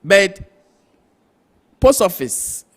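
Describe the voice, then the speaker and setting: A man's voice: high-pitched, big pitch swings, extremely slow. A male guest expert, patiently explaining customs procedures. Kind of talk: explanatory studio talk.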